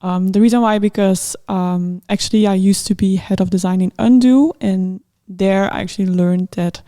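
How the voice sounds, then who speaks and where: A woman from Belgium, a freelance digital designer, speaking relaxed on a podcast panel. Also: medium pitch, normal speed, dry recording, clean studio sound. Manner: relaxed, laughs easily. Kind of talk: conversational podcast answer.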